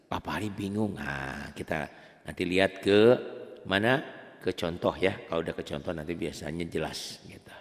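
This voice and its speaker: Low-voiced man teaching Quran recitation. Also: long reverb tail. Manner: patient explaining, drawn-out chanted recitation of examples. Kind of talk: casual spoken tajwid lesson.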